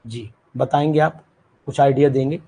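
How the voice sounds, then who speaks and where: A man's voice: medium pitch, fairly even intonation, moderate pace, warm tone, husky, low-quality recording. A male chemistry teacher giving a live online class. He quizzes students by name and repeats key terms, mixing in English words.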